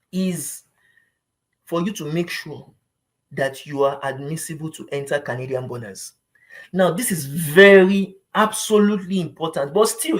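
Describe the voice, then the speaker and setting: Speaking with a Nigerian accent in a voice that's a little high, a man offers informal, explanatory advice in the style of a vlogger. His manner is emphatic and conversational, and he often repeats phrases and makes sure the listener is following.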